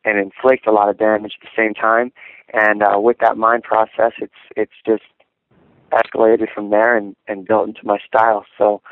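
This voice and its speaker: Male fighter in a phone interview: lowish, level delivery, thin telephone sound. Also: dry recording. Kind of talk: conference call interview answers. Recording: tinny band-limited phone line.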